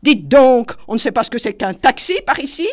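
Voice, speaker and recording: A man's voice: high voice, animated, moderate pace. Casual, offhand storybook man, read by the narrator with little change of voice. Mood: blunt.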